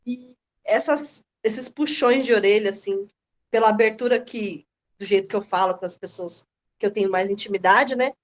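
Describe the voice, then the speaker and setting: A woman chatting casually as a course participant on a group video call, lively and acting out the conversations she recounts. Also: mid-range voice, normal speed. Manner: lively, acts out quoted dialogue. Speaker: course participant sharing her experience.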